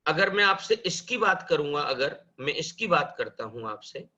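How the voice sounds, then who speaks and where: A man's voice: fairly high pitch, big pitch swings, normal speed, sharp tone, highs cut off. A man teaching a live programming class, explaining step by step, asking questions and answering them himself. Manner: mixes Hindi and English, calls students "bhai" and "beta".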